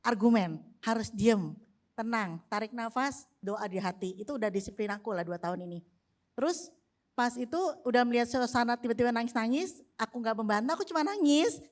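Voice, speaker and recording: An Indonesian woman in her thirties, telling a family story as testimony in front of a church. Her voice sits fairly high, and she is animated, laughs easily and acts out the quoted lines. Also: a little fast. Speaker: church speaker sharing testimony. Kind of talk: casual testimony in a church service.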